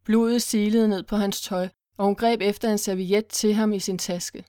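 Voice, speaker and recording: A woman reads a suspense story in a steady, even voice, at a mid pitch. The recording is dry and close, with no room sound. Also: no room sound. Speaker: narrator. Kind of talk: audiobook narration.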